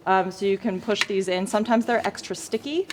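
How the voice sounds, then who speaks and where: A woman who teaches lighting design gives students an informal hands-on demonstration, tossing in self-deprecating, jokey asides. Her mid-range voice moves fairly quickly. The recording has the echo of a hall and noticeable background noise.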